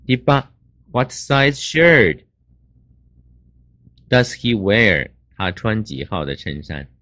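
An older man lecturing as an English teacher, explaining grammar slowly with drawn-out fillers. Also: on the low side, no echo.

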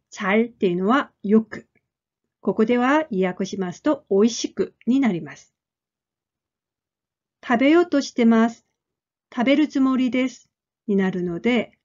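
A woman teaches a language lesson in a fairly high voice. She speaks clearly and deliberately, repeating each model phrase several times. The recording sounds somewhat muffled. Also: a little mellow. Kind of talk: slow, careful lesson explanation.

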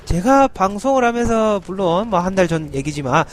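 A man's voice: sits high, lively intonation, normal speed, slight background noise. A man streaming a video game, giving playful, joking commentary to viewers and yelping in panic during fights. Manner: joking, teasing, yelps repeated "no" in panic. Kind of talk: playful live gameplay commentary. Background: game music.

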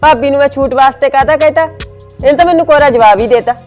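A woman's voice: high-pitched, fast, a little mellow, soft background music, lightly acted. A woman playing a sulky, demanding married daughter with an Indian Punjabi accent in a family drama. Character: petulant married daughter, young adult. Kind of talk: amateur village family drama.

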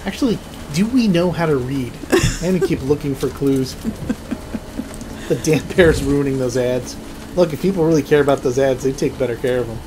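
A woman's voice: very deep voice, fairly quick. A woman co-hosting a game playthrough with wry, sarcastic, joking casual commentary. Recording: clear noise and game sound behind.

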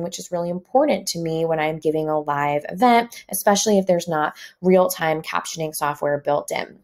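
Brief: woman, Long Island accent, slightly low voice, brisk upbeat tutorial narrator on a computer mic. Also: darkish tone. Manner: brisk, upbeat step-by-step explaining. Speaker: ed tech presenter. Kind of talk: screen-recorded tutorial. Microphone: computer mic, screen recording.

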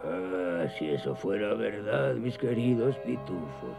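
A man playing an ancient, kindly but evasive grandpa Smurf in a dubbed children's cartoon, with a creaky elderly voice. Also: lowish voice, expressive, slow, over music, heavily acted. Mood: weary, uneasy.

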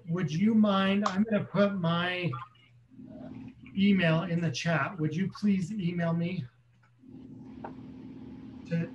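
Over a video call from a small room at home, a man in his thirties chairs a community council meeting, explaining things plainly with many ums in casual meeting talk. His voice is fairly high-pitched, and the echoey recording has cut-off highs and a noisy background.

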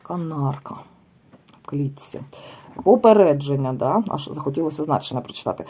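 A woman's voice: low voice, lively intonation, a little fast, mellow, breathy edge. A young adult woman casually reviewing a book, listing bird names one by one with chatty asides. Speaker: tarot and oracle vlogger. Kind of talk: casual book review, leafing through pages.

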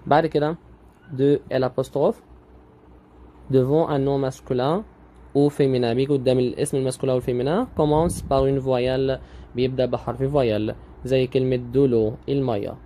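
A man with an Egyptian Arabic accent teaching French grammar online, patiently repeating each word slowly. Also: medium pitch, steady tone, dark tone.

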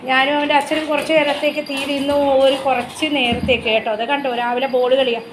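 A woman's voice: high voice, little pitch movement, fast talker, noisy background. A woman vlogger chatting casually with viewers, repeating herself and coaxing her dog in baby talk, recorded on a phone outdoors. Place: outdoors at home near a gate.

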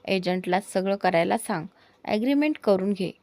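A woman's voice: medium pitch, animated, moderate pace, a little mellow, no room sound, close to an everyday voice. A woman voicing an easygoing young man who teases his friend in a spoken storybook. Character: calm, generous young man, teasing friend.

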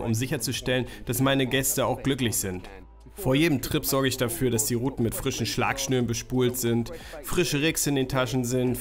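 Enthusiastic male fishing vlogger over music. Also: mid-range voice. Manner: enthusiastic, exclaiming over big fish. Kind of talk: travel and fishing vlog narration. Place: outdoors by a lake.

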